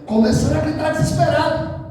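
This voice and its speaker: A Brazilian pastor preaching in a large church, shouting and half-singing his lines, joking with the congregation. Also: very high voice, steady tone, fairly quick. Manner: shouting, sing-song, joking. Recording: echoey hall from far off.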